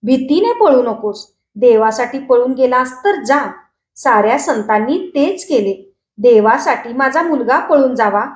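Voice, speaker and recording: A woman reading as a gentle, loving mother. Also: high voice, expressive, measured pace. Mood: tender. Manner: tender, soothing. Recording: echoey room.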